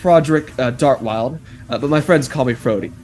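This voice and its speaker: A man acts out a putrid undead musician in a tabletop game. The corpse is apologetic and laid-back, halting often as it talks at a middling pitch. There is clear noise behind the voice. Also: darkish tone, natural voice. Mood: apologetic, hesitant. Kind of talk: in-character tabletop role-play. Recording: clear background room noise.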